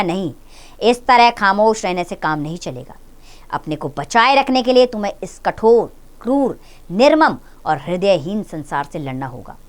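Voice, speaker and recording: A woman who teaches performs the part of a stern, angry male householder, lecturing his maid and nearly shouting at her. Her pitch is medium and the acting is light.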